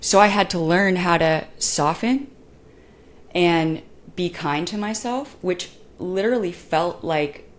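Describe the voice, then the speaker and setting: A young woman with a slightly low voice shares personal stories on a podcast. She is candid and animated, and slips into other voices to act out moments. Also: takes it slowly. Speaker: podcast co-host and motorcycle racer. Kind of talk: casual podcast conversation.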